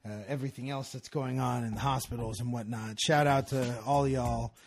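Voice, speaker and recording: A man's voice: mid-range voice, fairly even intonation, normal speed, a crowd in the background. A man co-hosting a casual podcast, bantering playfully with lots of fillers. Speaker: podcast co-host. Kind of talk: casual chat.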